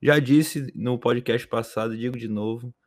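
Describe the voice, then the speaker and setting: A Brazilian man talks casually as a regular on a sports podcast. His voice has an average male pitch. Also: measured pace.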